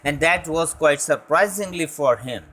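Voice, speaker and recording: A young man teaching, reading a story aloud and then explaining it line by line, with halting explanations full of fillers. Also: on the high side, sharp tone, low-quality recording.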